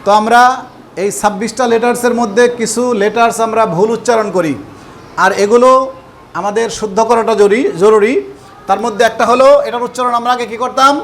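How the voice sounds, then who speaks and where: A man teaching English letter sounds to a class, repeating each one in a slow call-and-response drill. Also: very high-pitched, fairly even intonation. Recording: loud class chanting and noise.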